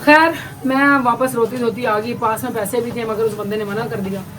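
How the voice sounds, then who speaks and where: A woman's voice: a little high, steady tone, moderate pace, a bit bright. A woman telling a family story to her viewers in a chatty, emotional way. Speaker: vlogger. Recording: distant mic with background noise.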